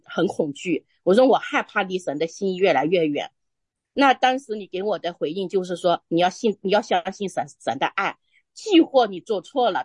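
A woman's voice: medium pitch, a little mellow, dry recording. Woman telling her faith story, earnest, stops and restarts a lot, dry close sound. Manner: earnest, halting with frequent restarts. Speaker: church member sharing testimony. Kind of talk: personal testimony in conversation.

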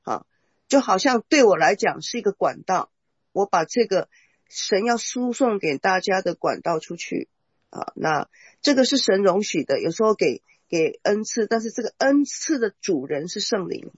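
A Bible teacher explaining faith in a measured, casual way, often murmuring agreement. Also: medium pitch, big pitch swings, husky, dry recording. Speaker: Bible teacher leading the talk. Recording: dry, dull lo-fi sound.

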